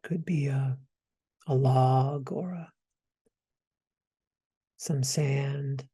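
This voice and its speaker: A man guides a meditation in a dark, relaxed, medium-pitched voice with a breathy edge. He speaks very slowly and gently, leaving soft pauses between hesitant phrases, and his melody stays quite flat and even.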